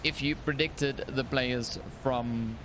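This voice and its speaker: A man's voice: medium pitch, steady tone, slow pace, noisy background. A man casting a mobile battle royale tournament alone on a live stream, chatty and rambling, with lots of fillers and laughs at his own slips. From Africa. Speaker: esports caster. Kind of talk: solo live stream commentary.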